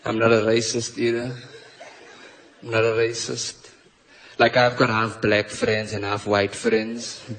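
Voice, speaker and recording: A South African man doing a stand-up comedy set, delivering punchlines deadpan and mock-confessional into a stage mic. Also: fairly low pitch, unhurried, long pauses. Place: comedy stage before a live audience. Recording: live show with clear audience noise.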